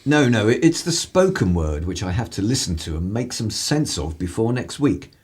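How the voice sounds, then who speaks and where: For a radio drama, a man plays a cynical 1930s English broadcaster, using upper-class phrases to deliver world-weary, mischievous mockery in an arch mood. His voice is low, husky and a little mellow, very animated at normal speed, with pitch swinging widely.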